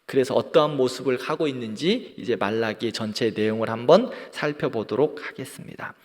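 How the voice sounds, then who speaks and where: A man's voice: medium pitch, brisk. A man teaching a church Bible class, leading group readings and acting out quoted retorts. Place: church hall. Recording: long hall reverb.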